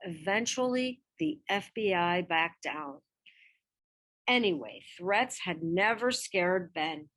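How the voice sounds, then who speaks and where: A woman with a fairly low-pitched voice reads a picture-book biography aloud as scripted narration. Expressive in delivery, she leans on words with deliberate emphasis.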